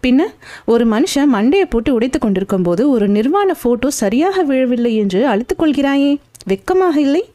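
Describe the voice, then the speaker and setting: Woman doing a short-tempered male lawyer, mellow tone, scolding. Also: high-pitched, sing-song, normal speed. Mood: irritated. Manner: scolding, impatient. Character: irritable sharp-witted male lawyer boss. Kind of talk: audiobook character voice.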